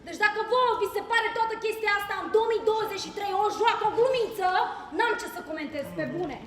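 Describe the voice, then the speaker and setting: Calm principled actress type, high voice, long reverb in the hall. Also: female voice, a little hiss or hum. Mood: indignant. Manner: cool, measured, pointed. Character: calm, principled woman actor-activist. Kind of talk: stage play acting. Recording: echoey theatre hall.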